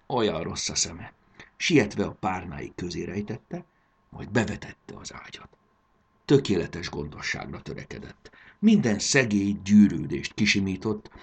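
A man narrating a children's story in a gentle, expressive reading. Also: low voice, slightly rough.

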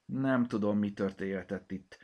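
A man's voice: on the low side, dull audio, close to an everyday voice. A man voicing a kindergarten teacher who exclaims and gives orders. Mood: puzzled. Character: kind kindergarten teacher, woman.

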